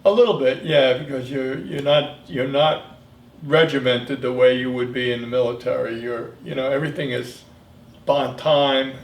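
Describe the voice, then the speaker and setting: A man in his seventies, a military veteran, reminiscing in an interview in a halting, reflective way. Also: medium pitch. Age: 70s. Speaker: Vietnam veteran being interviewed. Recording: echoey room, distant mic, faint noise.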